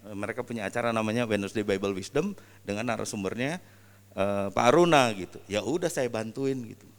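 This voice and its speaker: Animated, slangy pastor in a reverberant hall. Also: male voice, on the low side, brisk. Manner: animated storyteller, slangy, acts out quotes. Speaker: pastor giving testimony. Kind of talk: casual sermon testimony.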